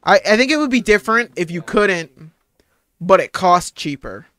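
A man's voice: high voice, lively intonation, moderate pace, sharp tone. A man casually chatting while streaming a game, giggling and swearing freely. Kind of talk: casual gameplay chat.

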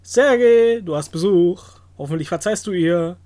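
A man's voice: high voice, expressive, unhurried, warm tone. A man hosting a let's play, joking with the game characters and letting out silly exclamations. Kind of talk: playful gameplay commentary.

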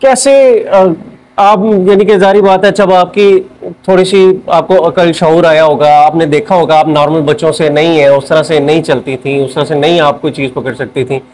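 A man's voice: a little high, steady tone, moderate pace, darkish tone, rough recording. A man in his thirties with a Pakistani accent, hosting a television interview on location. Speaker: TV host and interviewer.

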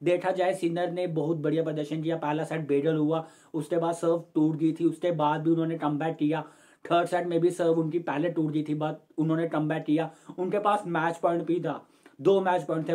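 Young guy talking tennis to his camera at home, kinda high voice, chatty, calls everyone friends. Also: darkish tone. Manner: chatty, addresses viewers as friends; gestures with hands while explaining. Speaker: sports channel host. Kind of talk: casual to-camera sports analysis. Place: indoor room at home.

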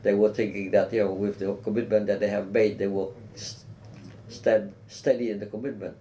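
An older man from South Vietnam speaks in a low, mellow voice with a Vietnamese accent. He answers interview questions in a measured, earnest way, often restarting phrases with "you know." A faint hiss sits under the office recording. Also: flat delivery, poor audio. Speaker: oral history interviewee. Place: office with bookshelf and plant. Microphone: seated, framed mid-shot by a camera.

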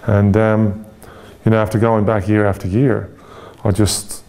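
An interview guest from Ireland, a man in his forties, gives candid, thoughtful answers full of pauses, fillers and restarts. His voice is on the low side and dark, with little pitch movement.

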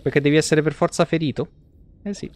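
Speaking quickly in a steady, darkish, somewhat high voice, this thirtysomething Roman-accented Italian man streams games with loose, rambling, profanity-laced commentary. He's in a small indoor streaming room, and the recording is dry.

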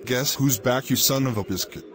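A man's voice: medium pitch, normal speed, slight background noise, natural voice. A man voicing a bossy adult figure who keeps grounding others, repeating the same words over and over in a comic cartoon. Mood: angry. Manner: repetitive, chanting strings of the same word. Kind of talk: comedic grounded-video animation voice.

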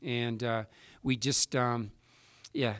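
A man in his forties, a basketball coach answering reporters after a game at a table mic, measured and halting with many restarts. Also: medium pitch, flat delivery, a bit bright, no echo, clean studio sound. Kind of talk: post-game press conference answers. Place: press room with sponsor backdrop. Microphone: table mic in front.

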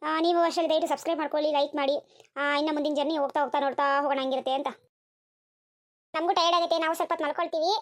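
A bossy, chattering village mother in a comedy cartoon, voiced by a woman. Her voice is squeaky and very high, the words spilling out at a sped-up rush. She fires off orders without a pause. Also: steady tone, close to an everyday voice. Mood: chatty. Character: bossy middle-aged village mother organizing a trip. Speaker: cartoon character.

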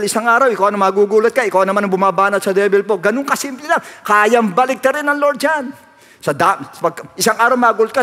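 High, bright-voiced preacher in a reverberant hall. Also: male voice. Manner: repetitive, emphatic preaching mixing English phrases. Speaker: pastor. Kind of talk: sermon. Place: church hall.

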